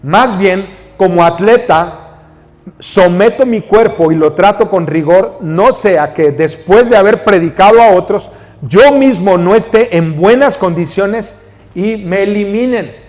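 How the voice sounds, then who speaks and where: High-voiced Mexican pastor in a reverberant hall. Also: male voice, unhurried, darkish tone. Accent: Mexican Spanish. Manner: teaching, reads scripture then explains, asks the congregation questions. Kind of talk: sermon. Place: church hall.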